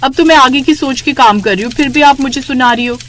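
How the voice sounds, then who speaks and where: A woman's voice: high-pitched, fast talker, a bit bright, a little hiss or hum, voice pushed up. A woman voicing a naive, melodramatic young daughter-in-law in a cartoon story. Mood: pleading. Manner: pleading, melodramatic.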